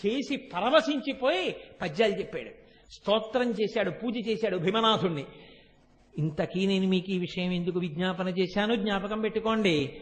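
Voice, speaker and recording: Give me a high-pitched man preaching a devotional story in a reverberant hall, chanting verses slowly. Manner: asks listeners rhetorical questions; recites verses in a slow chant. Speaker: religious discourse speaker.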